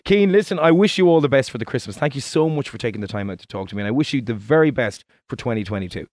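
A man's voice: medium pitch, animated, very fast, a little mellow, no echo, studio quality. A man with an Irish accent hosting a conversational radio interview in a chatty, complimentary way. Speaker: radio host.

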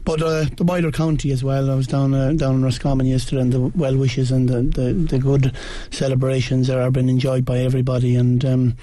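A man's voice: medium pitch, flat delivery, fairly quick, few pauses, dark tone. A man with a west of Ireland accent chatting casually as a sports panel guest, modest and a little hesitant. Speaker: sports guest, Gaelic football goalkeeper.

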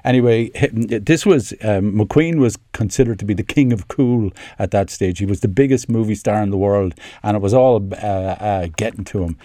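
Man, film critic guest, low voice, halting explanations, dry studio. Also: dark tone, no room sound. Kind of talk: radio interview.

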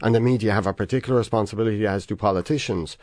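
A man's voice: fairly low pitch, racing, a little mellow, dry recording, clean studio sound. A man from England, a panel guest who talks thoughtfully and hedges as he goes. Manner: thoughtful, hedging restarts. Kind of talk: casual panel discussion.

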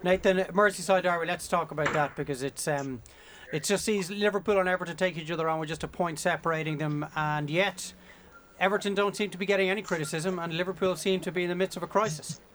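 A man's voice: sits high, steady tone, quick pace, fairly bright tone. A man hosting a sports podcast from a studio in a casual, chatty style. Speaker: podcast host. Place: radio studio. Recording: studio with faint background noise.

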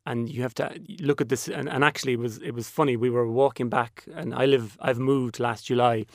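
A man's voice: medium pitch, steady tone, a little fast, dry recording, clean studio sound. A man with a west of Ireland accent from Kerry, talking reflectively in a panel discussion, often repeating words as he thinks. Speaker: panel guest.

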